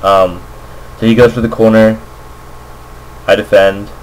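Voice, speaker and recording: Here a man with a lowish, level voice takes his time, commenting casually and tentatively on a game without a script. An amateur Go player, he's indoors doing a voice-over for a screen recording on a makeshift computer microphone. The recording is rough, with a bit of background noise.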